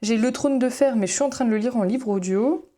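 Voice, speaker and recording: Chatty young woman with a mellow voice. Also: fairly high pitch, brisk. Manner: chatty and rambling, with many fillers and self-corrections. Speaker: student vlogger. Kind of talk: casual chat while flipping through notebooks.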